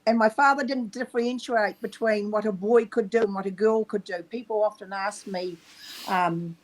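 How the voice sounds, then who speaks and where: Middle-aged New Zealand woman, guest; hesitant, soft-spoken, steady mid-range voice. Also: mid-range voice, normal speed, low-quality recording. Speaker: podcast guest. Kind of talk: casual interview talk.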